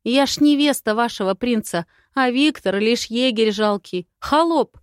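A woman voicing a quick-tempered, sharp-tongued young bride in an audiobook. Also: a little high, no room sound, clean studio sound, close to an everyday voice. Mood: indignant. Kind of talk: audiobook character voice.

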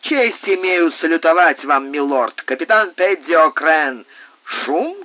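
A man voicing a blustering, rude male sea captain in an audiobook, loud and swaggering with curses, on a tinny recording. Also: on the high side, expressive, unhurried, dry recording, voice pushed up. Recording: tinny phone-like dry sound.

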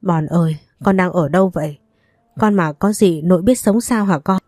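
An angry, grieving grandmother speaks in an accusing, sharp-tongued way, read by a woman narrating a story. The voice sits low and mellow, and the sound is dry. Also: normal speed, no echo, natural voice.

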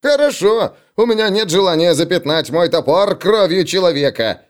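A man puts on a brash young dwarf warrior who booms every line in a raised, loud voice. He is boastful and quick to take offence, and his delivery swings all over the place. An audiobook character voice. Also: expressive. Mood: indignant.

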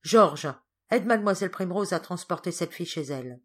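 A woman's voice: on the low side, lively intonation, fairly quick, fairly bright tone, breathy edge. A woman voicing an agitated, indignant older uncle in an audiobook. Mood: angry. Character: angry stern older uncle, a man.

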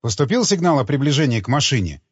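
A man's voice: mid-range voice, very animated, quick pace, husky, dry recording. A man reading an audiobook, voicing a short-tempered male helmsman who barks impatient orders, in a slightly muffled dry recording.

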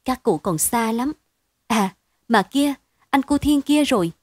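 A woman reading a story aloud in a steady, expressive bedtime storytelling manner. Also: fairly high pitch, unhurried, no echo. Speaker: narrator.

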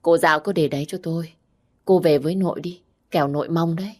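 A woman voicing a meek, deferential sister-in-law who talks softly. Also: deep voice, fairly even intonation, fast.

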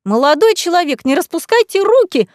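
A woman's voice: very animated, a little fast, dry recording, clean studio sound. A woman voicing a drunk, tearful, spiteful middle-aged female administrator in a storybook reading. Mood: shrill indignant. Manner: shrill, tearful, wailing.

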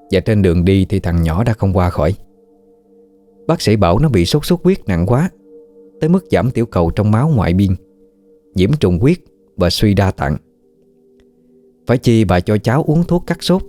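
A man narrating a ghost story in a steady, measured way. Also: lowish voice.

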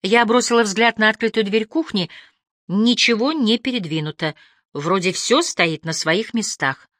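A woman narrating a first-person story as an audiobook reader, with an expressive delivery that moves between hushed and lifted tones. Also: medium pitch, moderate pace, no room sound, clean studio sound.

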